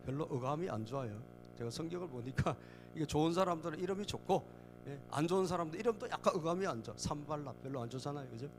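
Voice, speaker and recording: In a church sanctuary with faint music behind, a middle-aged pastor preaches in a fairly high, darkish voice, talking quickly with lively intonation. He asks the congregation "예?" again and again and acts out the mocking voices of enemies.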